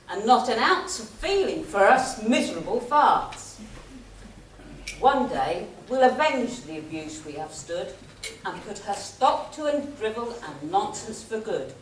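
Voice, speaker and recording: A woman's voice: a little high, big pitch swings, slow pace. A woman playing a wry, grand pantomime storyteller, narrating in theatrical rhyming verse in an echoing hall. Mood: mock-grand, wry. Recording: echoey hall, distant mic, faint noise.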